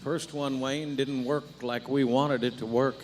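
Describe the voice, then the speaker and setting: A man's voice: medium pitch, little pitch movement, a little slow, faint music behind. A man working as a rodeo announcer, mixing live commentary with banter over an arena PA. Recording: arena PA with faint background noise.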